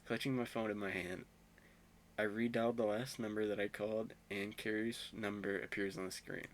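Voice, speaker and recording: A man's voice: fairly low pitch, little pitch movement, normal speed, slight background noise. A young man playing a visual novel, reading the narration aloud and mixing in chatty, self-mocking asides. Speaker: gamer.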